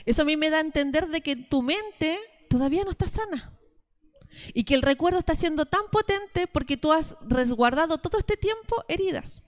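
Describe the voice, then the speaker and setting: A Chilean woman in her thirties giving a testimonial sermon, telling stories and speaking straight to her listeners as sisters. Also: sits high. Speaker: preacher addressing a women's church group.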